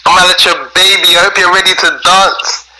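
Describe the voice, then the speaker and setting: A man's voice: high voice, little pitch movement, fairly quick, noisy background. A man who is a guest musician in a casual interview, laid-back and slangy, speaking with encouragement.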